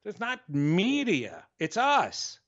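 A man with a New York accent, hosting a radio talk show with an animated, energetic, dramatic way of speaking. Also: sits high, slow pace, dull audio. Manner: dramatic, expressive, repeats and restarts. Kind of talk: solo talk monologue.

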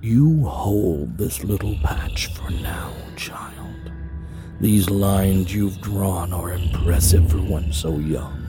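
Man doing a slow, whispering demon stag, old and menacing, storybook creature. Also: low-pitched, music in the background. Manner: slow hushed whisper, purring.

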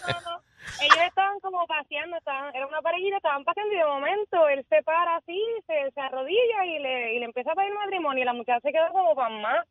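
A woman's voice: high voice, fast talker, no echo. A woman calling in to a radio show, telling a story in a chatty, amused way. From Puerto Rico. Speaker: caller. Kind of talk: phone-in storytelling. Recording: tinny dry phone line.

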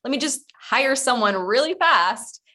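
A Ukrainian recruitment consultant gives a conversational presentation over a video call, chatting away with little laughs and quick restarts. Her voice is high, bright and pushed, with lively intonation.

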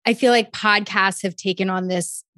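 A woman's voice: medium pitch, steady tone, moderate pace, fairly bright tone, no room sound. Gushing woman podcast host, dry sound. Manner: earnest, gushing, enthusiastic. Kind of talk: casual podcast chat.

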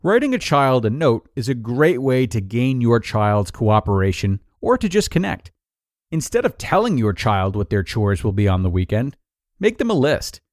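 A man narrating an article of numbered tips in a clear, even, scripted read-aloud delivery. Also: mid-range voice, moderate pace, no echo, studio quality.

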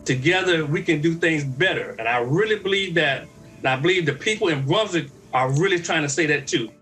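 A man's voice: a little high, animated, fairly quick, a bit bright, soft background music. A man giving an emphatic public statement, repeating phrases for weight. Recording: distant from mic.

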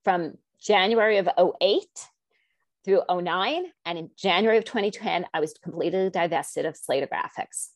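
A middle-aged woman with a fairly low voice tells her story in an interview, rambling through asides and restarts. She acts out the dialogue she quotes, leaping much higher in pitch. The sound is dry and close. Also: expressive, normal speed, dry recording. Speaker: guest.

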